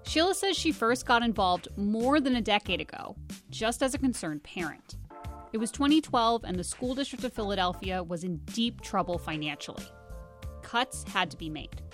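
A woman reporter giving scripted narration in a clear, even storytelling delivery. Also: mid-range voice, normal speed, soft background music. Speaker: radio reporter.

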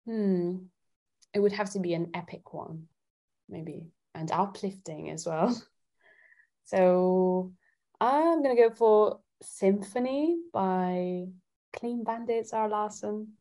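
An Italian woman appears as a guest singer-songwriter in a casual interview, thinking aloud and hesitating as she answers. Her voice is medium-pitched, slow, and mellow.

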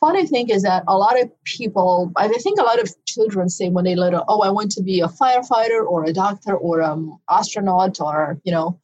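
A woman's voice: medium pitch, fairly quick, few pauses, a little mellow, muffled recording. Romanian-accented woman telling her story. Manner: reflective storytelling. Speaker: guest, physician. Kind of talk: interview conversation.

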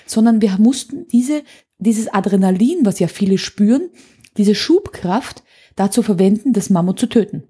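A woman's voice: medium pitch, animated, moderate pace, warm tone, slightly rough. Emphatic woman anger coach. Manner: emphatic, explaining with vivid examples. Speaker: anger coach, podcast guest. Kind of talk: conversational interview.

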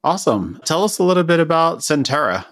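A man hosting an interview podcast, asking questions in a relaxed conversational way. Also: on the high side, brisk. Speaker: podcast host.

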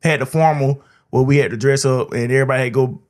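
A man's voice: mid-range voice, steady tone, quick pace. A man chatting casually as a podcast host, telling anecdotes in profane, slangy language.

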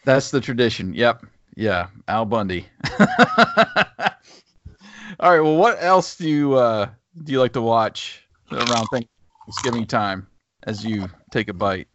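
Lively-pitched rambling male podcaster. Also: slow, pauses often, no room sound, lo-fi sound. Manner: rambling, hesitant, lots of fillers. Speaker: podcast co-host. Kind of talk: casual chat.

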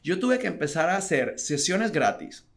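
A man's voice: fairly high pitch, sing-song, moderate pace. A man telling his business story in a casual interview, acting out quotes and laughing often. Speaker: guest entrepreneur.

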